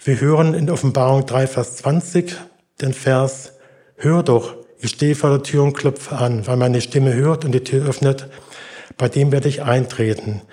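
Warm-voiced older man preaching. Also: mid-range voice, fairly even intonation, a little slow. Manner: earnest, encouraging, acts out story voices. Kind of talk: sermon.

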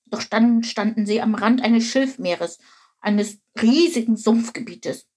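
A woman reading a children's story aloud in a clear, steady storytelling voice. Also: on the high side, slow pace. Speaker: storybook narrator.

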